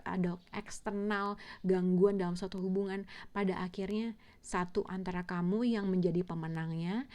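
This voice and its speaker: A woman's voice: medium pitch, darkish tone. Rambling woman reading tarot. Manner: rambling, many fillers and self-corrections, mixes English words. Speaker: tarot reader.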